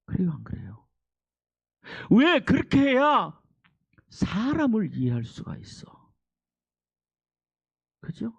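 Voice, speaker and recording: Male pastor, Jeolla Korean accent, sermon; gravelly, bursts loud then drops to a whisper; dry, dull recording. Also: sits high, no echo. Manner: swings from loud exclamations to hushed near-whispers.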